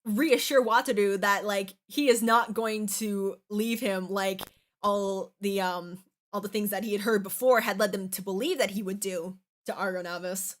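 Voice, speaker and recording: A woman gives casual, opinionated commentary in the manner of a fan reviewer. Her delivery is halting, with false starts and frequent filler words as she works out her point. Her pitch sits in an average range for a woman. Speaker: anime reviewer.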